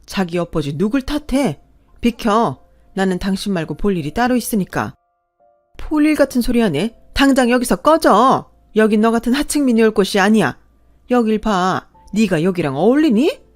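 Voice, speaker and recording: A woman's voice: fairly high pitch, big pitch swings, moderate pace, faint music behind. A woman voicing a haughty, rude middle-aged woman who sneers with open contempt in a radio story reading. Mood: sneering.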